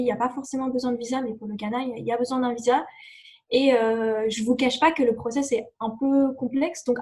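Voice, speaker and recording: Speaking casually as an interview guest, this young adult exchange student uses lots of fillers and frequently starts over. English is her first language, and her fairly high voice carries a darkish tone.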